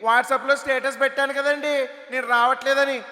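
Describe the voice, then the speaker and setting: A man's voice: very high-pitched, flat delivery, sharp tone, voice pushed up. Man doing a sly, drawling young housemaid. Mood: cheeky. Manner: slow, innocent drawl. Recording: echoey hall PA.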